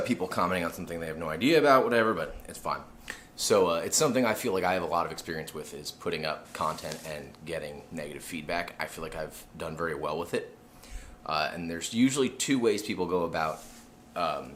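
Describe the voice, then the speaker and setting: A man's voice: low-pitched, fairly bright tone, a little hiss or hum. A man, a musician, talking to camera in a laid-back, straightforward vlog. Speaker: musician vlogger. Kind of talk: casual vlog talk.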